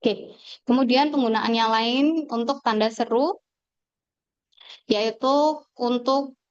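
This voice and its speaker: Higher-pitched lady teacher on a zoom class, smooth voice, bit muffled, slow with lots of uh. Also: no echo. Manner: slow explanatory teaching with many fillers. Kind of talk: online class lecture. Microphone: video call. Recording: dull lo-fi video call audio.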